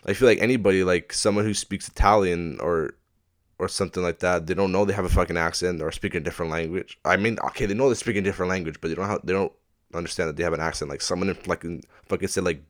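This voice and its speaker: Speaking at a quick pace in a low, steady voice, a stuffy-nosed podcast host rambles and swears constantly through a casual solo rant. He talks into a desk microphone at his laptop.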